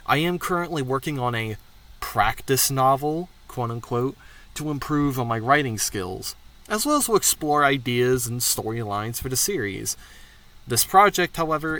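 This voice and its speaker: A man talks through his channel's plans in a loose, unscripted way, full of asides and casual swearing. His voice has a bright, forward edge and sits at an ordinary pitch for a man. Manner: candid, frequently profane, rambling asides. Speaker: channel host. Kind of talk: casual channel update monologue.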